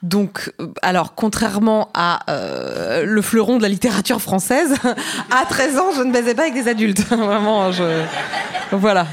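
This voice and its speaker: A woman's voice: medium pitch, big pitch swings, a little slow. Frank woman with a wry tone. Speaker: guest. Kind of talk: casual chat.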